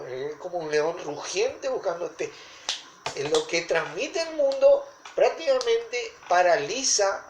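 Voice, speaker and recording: A man's voice: on the high side, reverberant, a little hiss or hum, low-quality recording. A man preaching a teaching sermon, stressing points with emphatic repetition.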